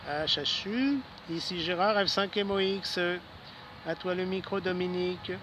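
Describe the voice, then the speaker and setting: A high-pitched man speaks unhurriedly in a friendly, casual ham radio exchange as an amateur radio operator. He's outdoors in a city, with ambient street sound and traffic noise in the recording.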